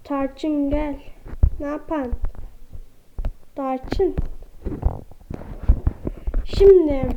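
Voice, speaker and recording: A woman's voice: high-pitched, extremely slow, pauses often. A woman giving casual gameplay commentary, chatting to her viewers as friends and sounding slightly under the weather. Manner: chatty, talks to viewers as friends, exclaims at animals. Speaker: gaming vlogger. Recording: dull lo-fi recording with faint noise.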